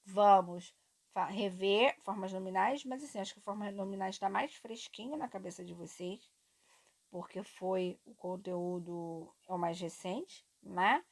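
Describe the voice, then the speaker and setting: A woman teacher from Brazil, lively and encouraging as she talks students through a grammar exercise. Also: mid-range voice, a little slow, gravelly. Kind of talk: classroom lesson explaining exercises.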